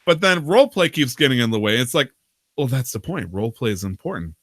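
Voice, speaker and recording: Bright-voiced man telling a rambling story. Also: mid-range voice, sing-song, fast, no echo, clean studio sound. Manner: profane, rambling, laughs often. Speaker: podcast host. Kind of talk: casual storytelling about a roleplay game.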